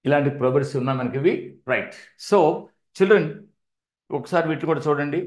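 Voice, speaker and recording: A man's voice: fairly high pitch, quick pace. Echoey older man teaching English. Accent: Indian English. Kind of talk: exam-prep lecture.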